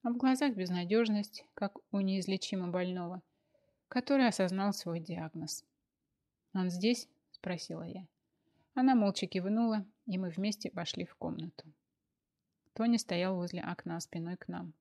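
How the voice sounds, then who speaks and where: A woman's voice: on the low side, normal speed, gravelly, dark tone. Woman narrating a first-person story.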